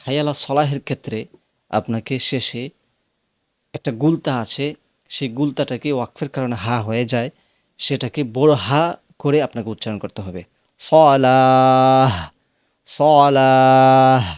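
A man with a Bangladeshi accent teaching how to pronounce the call to prayer, explaining the rules plainly and then chanting long, drawn-out phrases as examples. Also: mid-range voice, dry recording. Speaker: azan teacher. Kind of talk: instructional teaching with sung demonstrations.

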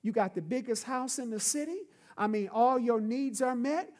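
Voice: medium pitch, moderate pace, darkish tone, voice pushed up, lightly acted. A preacher acting out a wealthy husband who coaxes and dismisses his wife's sorrow in a raised, playful voice. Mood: coaxing. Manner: coaxing, dismissive. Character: smug wealthy husband, a grown man.

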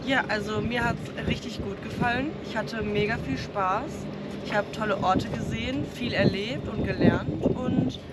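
A woman's voice: on the high side, normal speed. A young woman chatting cheerfully and teasingly as a guest on a sailboat, recorded outdoors on an action camera. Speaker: guest crew member. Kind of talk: casual chat. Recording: wind and boat noise.

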